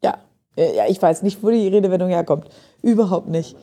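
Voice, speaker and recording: A woman's voice: on the low side, a little fast, mellow. A woman chatting casually as a podcast co-host, eagerly explaining things with examples. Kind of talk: casual chat. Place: lives in Sweden.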